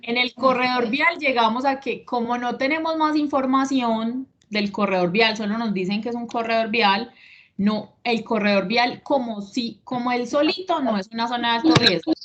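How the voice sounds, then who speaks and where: A woman's voice: fairly high pitch, normal speed. A woman, an instructor explaining a lesson in an online class and checking that her students follow. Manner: explanatory, checks understanding with questions. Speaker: instructor of a risk management course. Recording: dull lo-fi online call audio with faint noise.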